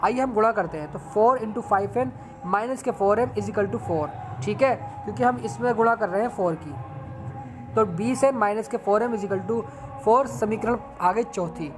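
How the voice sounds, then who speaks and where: A man's voice: high-pitched, moderate pace, background noise. A man teaching a math lesson step by step, repeating phrases and often checking in with his viewers. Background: background music.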